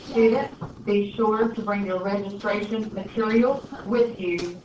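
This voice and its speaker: A woman's voice: medium pitch, steady tone. Woman's announcement over a school intercom. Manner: polite, measured announcement. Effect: school intercom loudspeaker. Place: classroom, heard over the ceiling speaker. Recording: echoey distant lo-fi loudspeaker with faint hiss.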